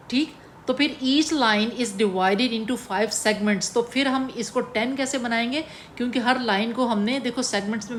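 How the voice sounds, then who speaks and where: A woman teacher giving a lecture on poetry, explaining slowly and mixing English terms into her talk as she addresses her students. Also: fairly high pitch, slight background noise. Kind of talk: classroom lecture.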